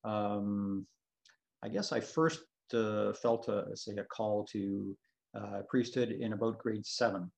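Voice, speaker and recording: A middle-aged man, a parish priest, talking in a casual interview, pausing often with uh. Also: lowish voice, creaky, darkish tone, rough recording. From Scotland, raised in Canada. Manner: hesitant, many uh fillers.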